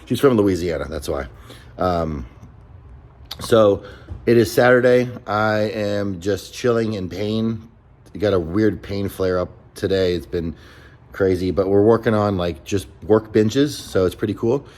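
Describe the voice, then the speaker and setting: A man's voice: on the low side, a little slow, a little mellow, rough recording. Blunt, profane man ranting casually. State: out of breath. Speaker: vlogger. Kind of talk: casual vlog rant.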